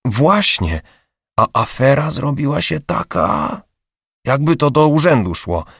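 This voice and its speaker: A man's voice: mid-range voice, very animated, slow pace, slightly rough, no room sound, studio quality, voice pushed up, heavily acted. A man voicing a chatty, anxious young female receptionist who gossips with a raised voice, for an audiobook. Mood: eager complaining. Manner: raised gossipy voice, later hushed whispering.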